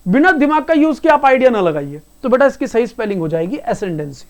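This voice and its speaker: A man's voice: extremely high pitch, very animated, fairly quick. A male English teacher giving a class lecture, explaining patiently, repeating himself and calling the students "beta".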